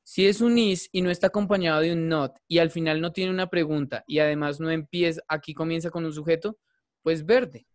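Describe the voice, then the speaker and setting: A man's voice: fairly high pitch, fairly even intonation, a little fast, no room sound, clean studio sound. Man teaching English in Spanish, patient. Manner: patient, repetitive, checks in with "¿listo?". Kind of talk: online class explanation.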